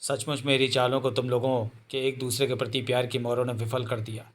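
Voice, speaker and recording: A man's voice: mid-range voice, level tone, natural voice. A man voicing a solemn, regretful old male mystic guru. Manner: solemn, measured.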